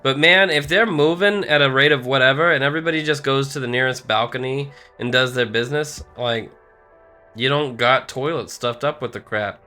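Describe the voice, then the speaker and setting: A man riffs his way through a horror game playthrough. He talks in a rambling, joking way with a bright, forward tone. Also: medium pitch, moderate pace, soft background music. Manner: jokey, rambling. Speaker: gamer. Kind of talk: casual game commentary.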